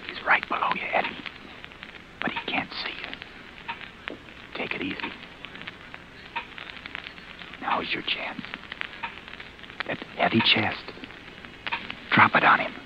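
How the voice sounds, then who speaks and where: An actor playing a panicked young man hiding after a killing, narrating his dread in a tense, often hushed inner monologue. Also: deep voice, moderate pace, pauses often, background noise, natural voice. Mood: urging. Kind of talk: 1940s radio drama narration. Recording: dull old radio broadcast.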